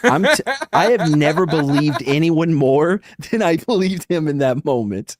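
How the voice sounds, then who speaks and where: A man on a podcast telling a lively, profane story and laughing often as he goes. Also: a little high, moderate pace, dry recording, clean studio sound. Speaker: podcast co-host. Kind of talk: casual chat, animated storytelling.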